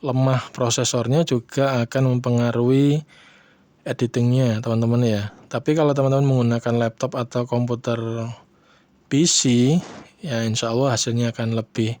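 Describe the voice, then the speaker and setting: A man calmly walking viewers through a video editing tutorial, stopping often to check in with his audience. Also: medium pitch. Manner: unhurried, repeats "ya, teman-teman" often. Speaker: tutorial host. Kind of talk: screen-recorded software tutorial.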